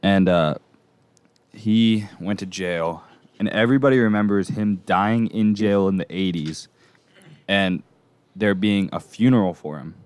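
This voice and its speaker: A man's voice: low voice, unhurried, a little mellow, clean tone. Rambling young man on a podcast. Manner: rambling, unsure, many fillers. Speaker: podcast host. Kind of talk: casual podcast chat.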